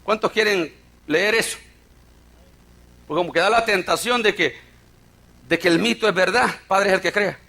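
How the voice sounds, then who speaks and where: Gravelly preacher. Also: male voice, high-pitched, moderate pace, pauses often. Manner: storytelling preacher, swings from loud to hushed. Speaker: pastor. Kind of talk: sermon.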